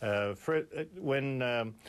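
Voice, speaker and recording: A man from Massachusetts, a state legislator answering interview questions in a halting way with many restarts. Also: medium pitch.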